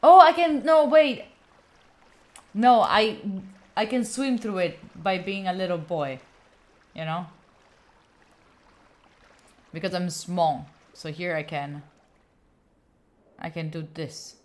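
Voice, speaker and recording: Her voice sits lowish and moves slowly, with long pauses, as this young Italian woman plays a game live. Chatty and addressing her chat, she bursts into sudden squeals to cheer on her character.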